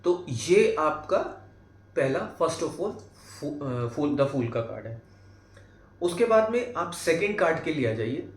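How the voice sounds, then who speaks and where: A man with a Hindi accent teaches tarot basics, going through the cards one by one in a fairly high, sing-song voice. He takes it slowly, often checking in with tag questions and fillers, in an echoey room.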